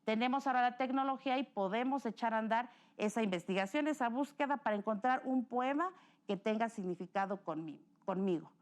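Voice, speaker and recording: A woman's voice: on the high side, a little fast. Patient Mexican woman teaching a lesson. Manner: patient, explanatory, self-correcting with "perdón". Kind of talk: recorded classroom lesson.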